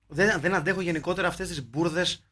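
A man's voice: sits high, fairly even intonation, sharp tone. A man co-hosting a casual film podcast, talking emphatically and scornfully and often repeating himself. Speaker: podcast co-host.

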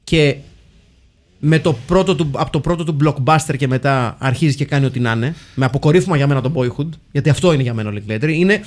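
A man, co-hosting a podcast in casual film chat, animated, slipping into English phrases and restarting his sentences. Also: a little high. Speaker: podcast co-host.

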